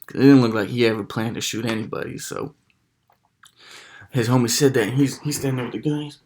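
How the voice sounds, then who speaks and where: A young man telling a personal story in a casual, slang-heavy, animated way with lots of swearing. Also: mid-range voice, a little fast, a little hiss or hum.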